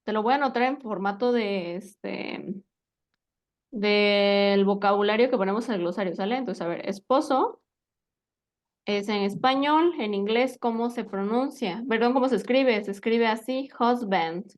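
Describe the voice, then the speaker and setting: A woman's voice: mid-range voice, unhurried. A woman teaching an English vocabulary lesson, patiently quizzing her student and checking in with frequent tag questions.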